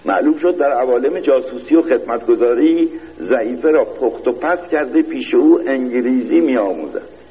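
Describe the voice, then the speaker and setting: A man giving a satirical literary reading, speaking as a pompous royal narrator with a deliberate, sardonic delivery. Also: mid-range voice, animated. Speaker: reader. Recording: dull, lo-fi recording with faint hiss.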